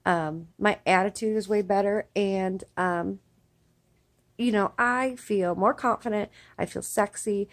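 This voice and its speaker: A woman's voice: mid-range voice, a little slow. A woman in her thirties, chatting casually and upbeat to her viewers as a vlogger, speaking with new dentures. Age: 30s. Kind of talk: casual vlog chat.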